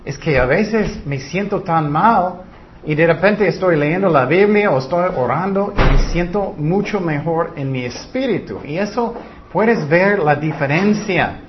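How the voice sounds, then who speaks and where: A man's voice: expressive, a little slow. An earnest man teaching a Bible study, lifting his voice to stress points. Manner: earnest, rises in pitch when stressing points. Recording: slightly dull recording with faint noise.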